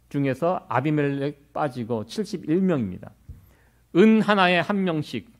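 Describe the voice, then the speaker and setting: A middle-aged Korean pastor with a slightly high voice delivers a conversational sermon, posing plenty of rhetorical questions to his congregation.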